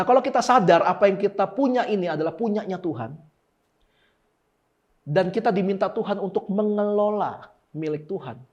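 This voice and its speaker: A man preaching a sermon in a lively, casual way, firing off rhetorical questions and slangy asides. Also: sits high, highs cut off. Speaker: pastor. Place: church service.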